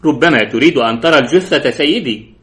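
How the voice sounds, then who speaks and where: A man's voice: fairly high pitch, fast, close to an everyday voice. A man voicing a cautious, rule-bound male police inspector who raises respectful objections. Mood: doubtful.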